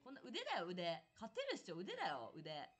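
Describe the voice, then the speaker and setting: Excitable young woman streaming a game. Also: lowish voice, brisk. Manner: excitable, chatty, yelps and shouts at the game. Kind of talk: casual live gameplay commentary.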